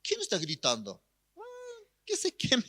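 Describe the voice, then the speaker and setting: A curt police officer, put on by a male preacher barks orders in a high, lively voice. The officer scolds and waves him off, dismissive. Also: moderate pace, gravelly, long reverb tail, full character voice. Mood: scornful.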